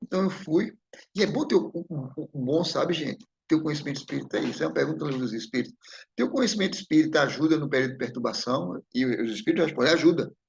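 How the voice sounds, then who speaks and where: A man's voice: a little high, lively intonation, fast, vocal fry, breathy edge, highs cut off. A man giving a spiritist lecture, telling a personal story in a conversational way and often checking in with the audience. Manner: conversational, repeats "né?" and addresses the audience.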